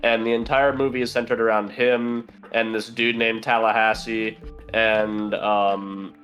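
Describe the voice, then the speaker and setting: A man's voice: lowish voice, little pitch movement, unhurried, fairly bright tone, faint music behind. A young man, a podcast guest, chatting casually and rambling with lots of fillers while playing a game. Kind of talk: casual chat while gaming.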